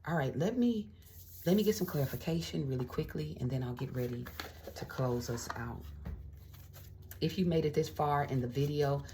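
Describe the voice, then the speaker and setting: A woman with a very deep, mellow voice delivers a relaxed, supportive tarot reading to camera, with a little hiss or hum in the background. Her talk is chatty, peppered with fillers and check-ins, and spiritually uplifting.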